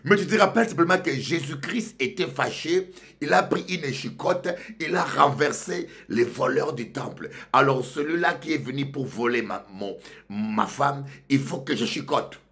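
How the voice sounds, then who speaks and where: A male pastor from Congo, preaching a sermon that swings from loud outbursts to low murmurs. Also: animated, moderate pace.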